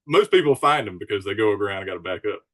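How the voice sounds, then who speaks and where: Man, lowish pitch, casual conversation, easygoing explainer. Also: animated, quick pace, fairly bright tone. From Alabama Gulf Coast, United States. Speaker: podcast guest, charter sailboat captain.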